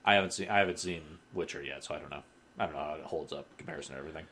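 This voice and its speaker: A man's voice: extremely low pitch, very fast, fairly bright tone. A man co-hosting a casual podcast, talking in a dry, teasing way. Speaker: podcast co-host.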